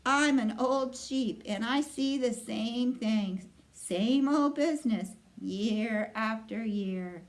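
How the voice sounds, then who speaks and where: Woman voicing a blunt, high-pitched old sheep. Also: slow, few pauses, poor audio. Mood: grimly knowing. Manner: blunt, matter-of-fact, snappish. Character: old female sheep, blunt, gossipy, world-weary.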